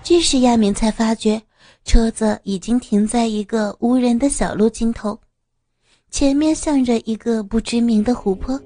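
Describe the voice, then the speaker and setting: A woman narrating an audio story in a smooth, steady reading voice. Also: on the high side, moderate pace, no room sound.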